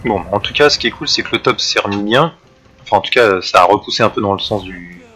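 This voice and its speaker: A man's voice: fairly low pitch, quick pace, bright, forceful tone. A man streaming a video game live, chatting with viewers and his teammate while he plays. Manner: chatty, reacts to chat and game while playing. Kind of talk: live gameplay commentary.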